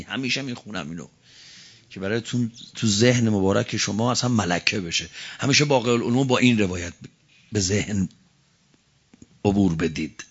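A man's voice: lowish voice, slightly rough. Fiery male preacher, lo-fi. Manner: fiery oratory, swinging from quiet to shouting; chants Arabic quotations slowly. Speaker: cleric preacher. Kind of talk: religious sermon.

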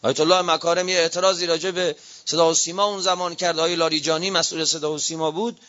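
A man with a Persian accent from Qom, a cleric preaching a fiery sermon, swinging from quiet reasoning to shouted rhetorical appeals. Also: a little high, flat delivery. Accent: Iranian Persian, Qom. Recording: dull lo-fi recording.

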